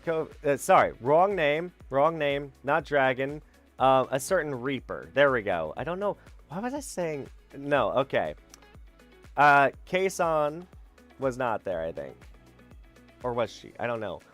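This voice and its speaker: A man's voice: medium pitch, big pitch swings, a little slow, a bit bright. Rambling young man, tired stream chat. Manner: rambling, many fillers and self-corrections. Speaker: VTuber streamer. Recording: faint background music.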